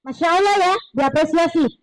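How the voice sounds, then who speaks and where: A woman gives a religious parenting talk in a very high voice. She speaks in a lively, chatty way, slipping into other people's voices as she goes. The sound is dry and close, with little room echo. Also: normal speed. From East Java. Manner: lively, chatty, mixes Javanese words, acts out voices of others. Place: mosque hall.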